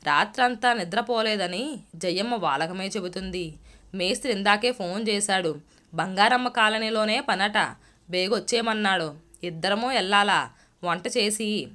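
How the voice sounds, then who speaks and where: A woman storyteller reading a scripted story in a steady, measured way. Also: medium pitch.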